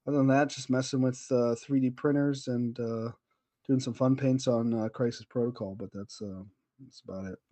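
A man co-hosting a podcast, chatting casually with many ums, trailing off softly. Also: mid-range voice, fairly even intonation, normal speed. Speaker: podcast co-host. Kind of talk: casual chat.

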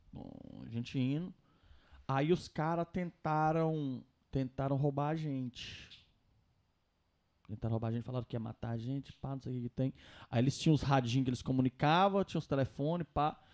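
A young Brazilian man, telling his story casually on a podcast in a slangy, animated way. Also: a little high.

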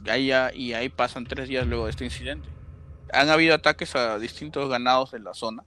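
Bright-voiced man retelling a film. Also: medium pitch, fairly quick, slight background noise. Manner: animated retelling with sound effects and filler words. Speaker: podcast co-host recapping a film. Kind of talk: casual chat.

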